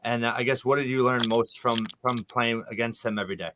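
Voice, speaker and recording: A male podcast host conducts a sports interview in a conversational manner. His speech is measured and a little halting, steady in tone and at a middling pitch for a man, with noise in the background.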